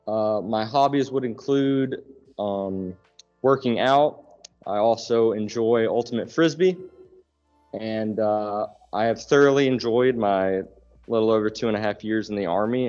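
A man's voice: on the low side, a little slow, darkish tone, highs cut off, soft background music. A man of twenty-one, a young soldier, giving a polite, plain self-introduction. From born in Alabama, raised in Louisiana. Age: 20s.

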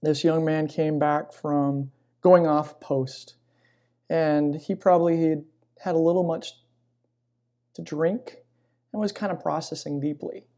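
A middle-aged man, a chaplain being interviewed, telling personal stories in a reflective, conversational way with pauses mid-phrase. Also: on the high side, fairly even intonation, warm tone. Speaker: military chaplain and pastor, interview guest. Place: inside a church.

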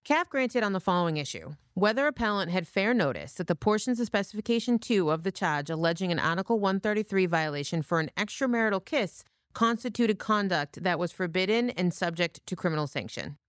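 American female podcast host, lower register, scripted legal talk, very dry recording. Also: expressive, brisk, few pauses, no room sound. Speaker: podcast host, military lawyer.

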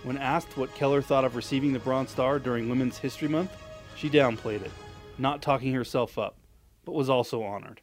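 Male military reporter, mid-pitched scripted feature narration, music bed clearly present. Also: steady tone, a little fast. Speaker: military public affairs reporter.

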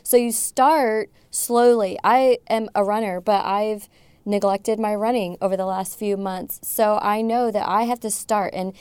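A woman's voice: medium pitch, steady tone, a little slow, a little mellow, clean tone, no room sound. A woman who is a technical sergeant, speaking directly and practically in a casual panel chat.

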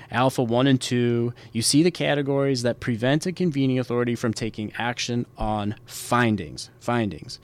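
A man with a mid-pitched voice hosts a legal podcast. He explains in an informal, conversational manner, like a colleague quizzing another. He repeats key points for emphasis. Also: clear, resonant tone. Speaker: podcast host, military lawyer.

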